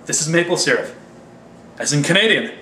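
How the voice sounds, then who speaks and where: A young man acting in a homemade comedy sketch, talking deadpan and breaking into indignant rants. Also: fairly high pitch, brisk, slight background noise. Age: young adult. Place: small apartment kitchen, indoors. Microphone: camera mic from across the room. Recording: roomy, distant camera sound.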